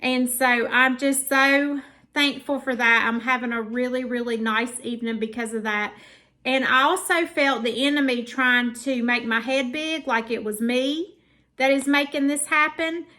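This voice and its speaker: A woman's voice: sits high, steady tone, moderate pace, bright, forceful tone. A woman in her forties chatting casually from her home in a rambling faith vlog full of fillers. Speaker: faith vlogger. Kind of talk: casual devotional vlog talk.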